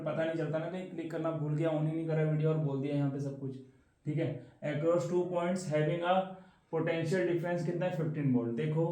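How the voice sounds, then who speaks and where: A man's voice: on the high side, dark tone. A man teaching a casual science lesson for exam prep, chatty and repeating questions back to the students. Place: room, standing at a board. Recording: very echoey room.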